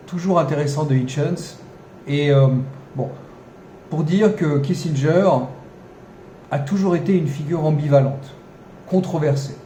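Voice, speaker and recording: Warm in tone and pitched slightly high, a man hosts a podcast in a loose, unscripted monologue, restarting often, leaning on fillers and slipping in wry irony. There's echo in the room and a faint background hum.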